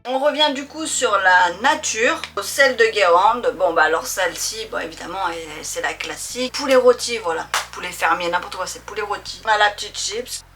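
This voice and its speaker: A woman's voice: medium pitch, normal speed, hardly any pauses, music in the background. A woman hosting a casual, chatty tasting vlog, speaking informally and playfully to her viewers. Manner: informal, playful familiar address with pet names. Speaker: host of a snack-tasting video.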